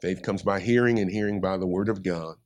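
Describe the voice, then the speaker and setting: A man's voice: deep voice, a little fast, darkish tone. A man preaching a sermon, repeating his points and calling out to the congregation.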